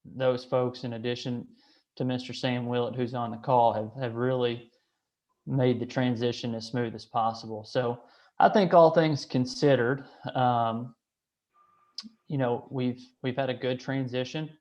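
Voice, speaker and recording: Halting man on a video call. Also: mid-range voice, steady tone, darkish tone. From Kentucky, USA. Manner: hesitant, with many restarts and fillers. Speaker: association director hosting a call. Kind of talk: casual online meeting talk. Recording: slightly dull call audio.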